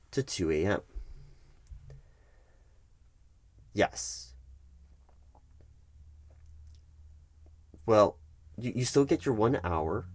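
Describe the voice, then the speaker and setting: In a one-sided, conversational ASMR roleplay with no room sound, a man gives a full character voice as a low-voiced HR recruiting manager. The character is patronizing and bureaucratic, patiently explaining in a hesitant, repetitive, patiently insistent manner.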